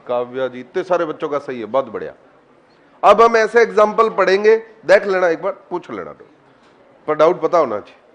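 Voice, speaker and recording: A man's voice: on the high side, muffled recording. A man teaching an online chemistry class, quizzing his students, coaxing them to answer and calling on them by name.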